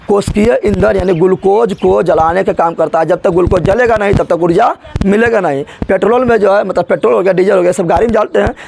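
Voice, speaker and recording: High gravelly guy teaching biology, keeps asking the class stuff and answering it himself, bit of hiss behind. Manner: drills students with repeated questions and answers; colloquial, regional turns of speech.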